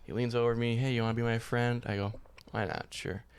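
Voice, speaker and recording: A man's voice: mid-range voice, little pitch movement, fast, smooth. A man in his twenties co-hosting a podcast, chatting casually, joking and rambling with frequent laughs. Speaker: podcast co-host. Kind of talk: casual chat.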